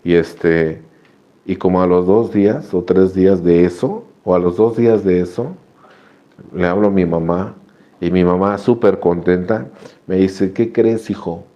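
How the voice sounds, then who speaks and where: A man's voice: low voice, measured pace, dull audio. A man giving an earnest personal testimony to a recovery group, telling his story with many repetitions and restarts. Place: radio broadcast.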